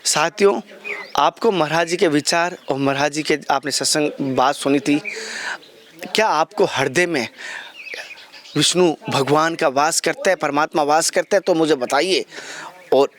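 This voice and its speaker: A man's voice: a little high, measured pace, fairly bright tone. A man, a vlogger, speaking earnestly to his viewers and appealing to them. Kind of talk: addressing viewers.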